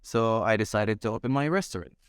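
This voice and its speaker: In a small restaurant room, a young man from Palestine who runs the place recounts his story in a casual interview. His voice is fairly low, animated, fairly quick and smooth, with studio-quality sound and no room tone. He often breaks off mid-sentence to find the right word.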